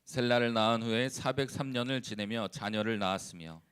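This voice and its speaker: A man who is a church evangelist, leading a responsive scripture reading and then preaching calmly with frequent hesitations. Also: medium pitch, smooth. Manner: calm, unhurried, with frequent hesitations.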